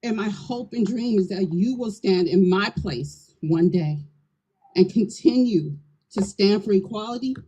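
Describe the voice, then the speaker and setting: A woman's voice: medium pitch, warm tone, husky, poor audio. A middle-aged woman, a community land trust leader, gives an earnest, rousing speech to a crowd at an outdoor ceremony into a handheld microphone. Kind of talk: public speech at an outdoor event.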